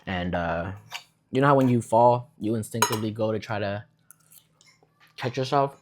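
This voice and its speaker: A man's voice: lowish voice, normal speed, background noise. A young man who grew up in Vietnam, chatting casually in a laid-back, rambling way while eating at home. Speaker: vlogger. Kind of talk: casual eating vlog chat.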